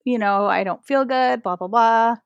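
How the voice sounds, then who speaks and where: A woman's voice: fairly high pitch, moderate pace, vocal fry, clean tone, no room sound, lo-fi sound. A woman, a pastor, talking animatedly with lots of "like" fillers in a podcast interview. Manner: animated storytelling, frequent "like" fillers. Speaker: pastor and guest.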